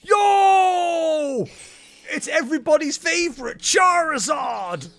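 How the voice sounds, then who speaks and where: A loud, high-pitched dragon monster acted out by a man from a video game, clownish and cocky. It yelps in broad slapstick style with big swoops in pitch. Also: expressive, takes it slowly, gravelly, soft background music, heavily acted. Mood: loud, excitable. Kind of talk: acting out video game dialogue.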